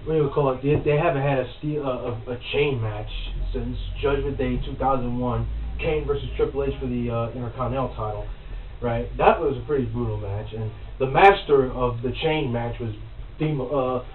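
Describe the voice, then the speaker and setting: A man hosting a casual wrestling podcast, animated and quick to swear as he gets worked up. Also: mid-range voice. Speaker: podcast host. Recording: roomy, distant, phone-like, faint noise.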